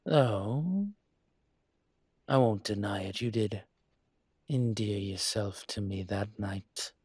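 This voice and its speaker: A man plays a suave, courteous dragon mafia boss in intimate roleplay audio, his husky, breathy voice slightly low and his formality gentle and teasing. He speaks slowly in a mood that's teasing and fond. The recording is clean studio sound with no echo.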